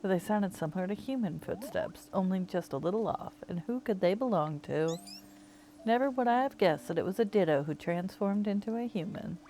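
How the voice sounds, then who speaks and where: A woman voicing a shape-shifting blob creature posing as a human, speaking quickly in a deliberately put-on accent. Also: mid-range voice, lively intonation, mellow, a little hiss or hum, lightly acted. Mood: curious. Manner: put-on accent, fast and chatty.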